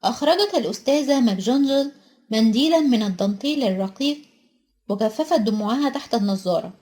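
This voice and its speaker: A woman narrates a children's storybook in a simple, clear style. Her voice sits fairly high, and she reads at an easy, plain pace. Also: expressive, fast, dark tone.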